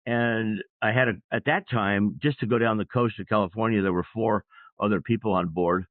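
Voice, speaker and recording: A man as an interview guest, a sailor and public speaker, telling his story in a reflective, measured way. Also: on the low side, fairly even intonation, dry recording. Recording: dry, phone-like line.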